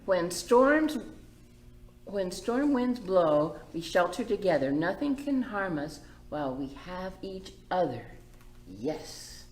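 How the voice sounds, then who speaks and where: Reading a picture book to young children, a middle-aged storytime host and children's librarian stops to ask them simple questions. Her fairly low voice is slow and a little mellow, with big pitch swings. The audio is roomy and echoey, with a little hiss or hum.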